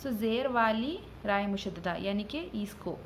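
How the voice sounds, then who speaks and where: A woman's voice: mid-range voice, expressive, slight background noise. Patient woman teaching recitation rules. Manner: patient, repetitive explaining with slow drawn-out sound examples. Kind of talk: Quran recitation rules lesson.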